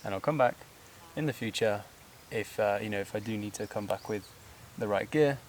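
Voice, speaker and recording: Out of breath on a steep hillside trail, a vlogger with a fairly low voice chats to the camera in a loose, rambling way, full of fillers and quick laughs. Insects buzz faintly behind him, along with a little hiss or hum.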